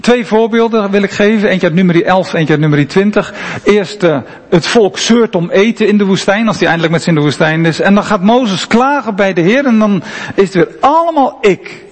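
A man's voice: high-pitched, a little fast. A man preaching a sermon in a conversational, emphatic way, often asking rhetorical questions. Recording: long reverb of a large hall.

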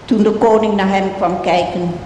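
A reader delivers scripture slowly and deliberately, at a mid pitch. The voice rings in a large, echoing hall with a long reverb tail. A faint low rumble hums beneath it. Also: steady tone, darkish tone. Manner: slow, measured reading. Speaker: Bible reader. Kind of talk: scripture reading.

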